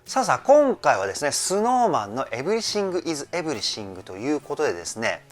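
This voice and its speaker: A man's voice: fairly high pitch, huge pitch swings, moderate pace, faint music behind. A man working as a vocal trainer, giving enthusiastic, polite commentary that analyzes a song's singing and explains vocal terms.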